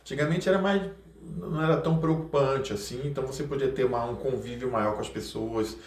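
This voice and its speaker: A voice actor from Rio de Janeiro, speaking with a Carioca Brazilian Portuguese accent, chats casually as a guest on a podcast, hesitating and restarting often. His medium-pitched voice moves quickly and sounds distant, slightly off mic in an echoey room.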